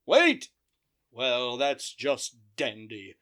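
Radio play: man as a cocky masked hero, lively and high-ish, dry wit. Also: extremely slow, heavy background noise, full character voice. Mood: wry. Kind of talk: comic old-time radio play acting.

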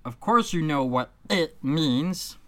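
A woman's voice: low-pitched, animated, slow pace, fairly bright tone, voice pushed up, full character voice. A woman voicing a prim, touchy little mouse who lectures stiffly but politely.

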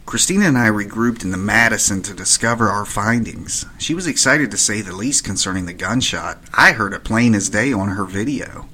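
Male podcast narrator, bright tone, low-pitched, calm first-person haunting tale. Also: normal speed, few pauses, husky. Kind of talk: first-person paranormal storytelling.

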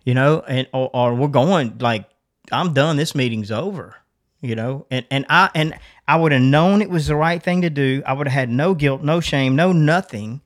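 A middle-aged man co-hosting a podcast shares a personal story in casual conversation, speaking at an ordinary pitch and a moderate pace with few pauses. Earnest and informal, he thinks aloud and often stops and restarts his sentences.

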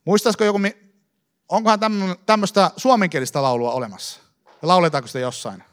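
A man giving a lively sermon to a congregation in a church hall, talking to them directly. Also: high voice, clear, resonant tone. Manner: lively, fillers and restarts, addresses congregation directly. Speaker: preacher. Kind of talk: live sermon teaching.

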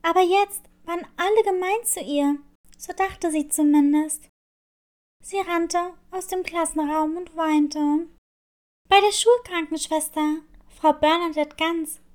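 A woman narrating a scripted children's story in a slow, soothing way. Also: extremely high pitch, darkish tone.

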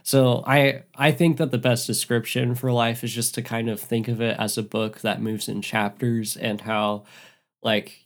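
A man co-hosting a casual book podcast, thinking aloud earnestly in long winding sentences. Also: medium pitch. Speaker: podcast co-host.

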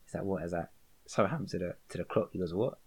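A man's voice: deep voice, rapid-fire, breathy edge. A young man with a London accent, chatting casually and telling stories in heavy slang. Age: young adult. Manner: slang-heavy, animated storytelling. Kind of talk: casual chat, storytelling.

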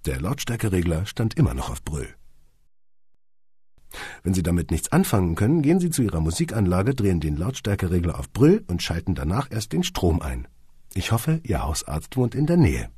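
A man's voice: low-pitched, huge pitch swings, fairly quick, mellow, slightly rough, no room sound. A man reading an audiobook in a wry, dryly humorous way, sometimes speaking straight to the listener. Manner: wry, dry humour, speaks to the listener directly. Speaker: audiobook narrator. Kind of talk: scripted audiobook narration.

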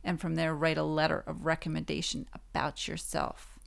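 A woman hosting a self-help podcast, giving calm, instructive advice in a gently encouraging way, while hoarse and losing her voice. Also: deep voice, moderate pace. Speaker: podcast host.

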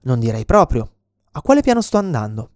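A man's voice: medium pitch, big pitch swings, brisk, darkish tone, dry recording, clean studio sound, natural voice. A man reading out the lines of a friendly-seeming young male stranger who keeps pushing past refusals. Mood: pushy. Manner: insistent, ignores refusals.

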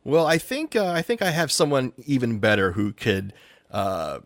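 A man co-hosting a radio show in a laid-back, low-key, chatty way. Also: expressive, normal speed, fairly bright tone, dry recording. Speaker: radio co-host. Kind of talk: casual chat.

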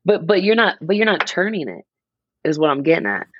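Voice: medium pitch, big pitch swings, a little fast, dry recording, muffled recording. A person in their mid-twenties chatting casually on a podcast, rambling and restarting as they explain an idea. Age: 20s. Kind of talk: casual chat.

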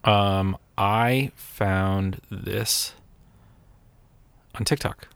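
A man's voice: fairly low pitch, steady tone, extremely slow, vocal fry, fairly bright tone, smooth. A young man co-hosting a podcast in a casual, rambling chat, with frequent restarts and laughs. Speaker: podcast co-host.

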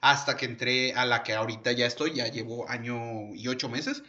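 A man's voice: medium pitch, steady tone, normal speed, sharp tone, dull audio. A Mexican man co-hosting a casual, slangy chat, joking and swearing freely. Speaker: podcast co-host.

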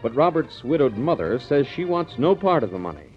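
Man announcing on an old radio show. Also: mid-range voice. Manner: measured, expressive recap of the story. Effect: old radio broadcast sound. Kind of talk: 1940s radio drama narration. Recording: muffled old radio recording, faint music.

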